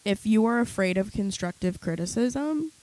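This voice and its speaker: A young adult woman co-hosting a podcast in casual chat, blunt and animated, swearing freely. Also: medium pitch, moderate pace, poor audio. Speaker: podcast co-host.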